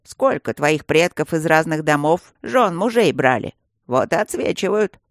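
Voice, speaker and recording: A reader doing a gruff stone guardian. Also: medium pitch, sing-song, a little slow, dry recording, clean studio sound. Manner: gruff, barking and coaxing by turns. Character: bossy grumbling male stone guardian. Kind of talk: audiobook character voice.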